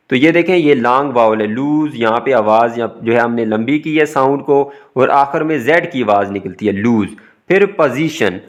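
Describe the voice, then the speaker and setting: A man with a Pakistani Urdu accent gives a recorded exam-prep lesson, going through a word list one item at a time. His voice sits at an ordinary middle pitch, and his delivery is patient and explanatory. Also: a bit bright. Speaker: English teacher.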